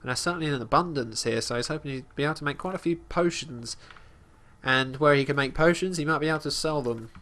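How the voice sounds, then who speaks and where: A man casually commenting on his gameplay as host, talking about his character in third person with halting restarts and fillers. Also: on the high side, fairly bright tone. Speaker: let's play host.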